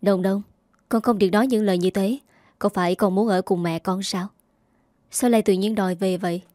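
A woman's voice: mid-range voice, steady tone, a little fast, warm tone, dry recording, studio quality, lightly acted. Woman reading a stern, cold young father. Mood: curt.

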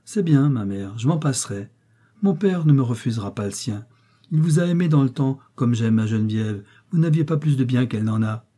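A man reading an audiobook, voicing a young miller who speaks gently but firmly to his parents. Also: mid-range voice, animated, fairly quick, husky. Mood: calm, firm. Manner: gentle, firm. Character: calm determined young miller son.

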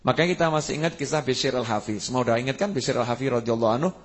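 A man preaching a sermon, animated, building to emphatic peaks and asking his listeners questions. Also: medium pitch, very fast. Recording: husky voice with long hall reverb.

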